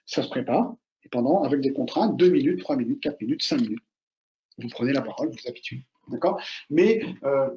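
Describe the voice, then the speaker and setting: A man, an author and oral exam coach, giving casual, animated advice and repeating his key points straight to the listener. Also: medium pitch, fairly quick, highs cut off, a little hiss or hum. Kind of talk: casual advice talk to students.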